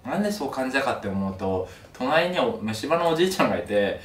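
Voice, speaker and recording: A young man chatting casually to camera in an animated storytelling way, his mouth sore after having wisdom teeth pulled. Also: medium pitch, fast. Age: young adult. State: mouth sore two days after wisdom tooth removal. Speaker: video creator. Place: small room at home, indoors. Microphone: camera a few steps away. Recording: roomy, distant mic, some noise.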